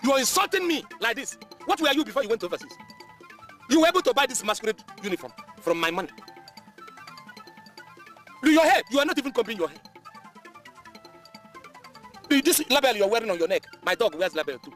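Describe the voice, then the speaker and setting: A man's voice: very high voice, big pitch swings, fast, pauses often, a bit bright, soft background music, exaggerated voice. A man with a Nigerian accent playing a proud older chief, mocking and scolding a younger man in a film. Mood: scornful. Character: proud older male chief, blustering and scornful. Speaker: Chief Nwadike, a wealthy father. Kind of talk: Nollywood film acting.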